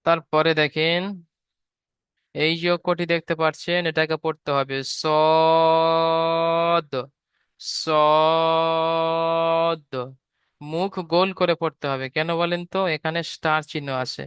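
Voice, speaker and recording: Guy teaching letter sounds slow and patient, bright crisp voice, dry close sound. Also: a little high, steady tone, no room sound. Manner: patient, repeats each point, draws out letter sounds. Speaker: Quran reading teacher. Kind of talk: step-by-step online lesson.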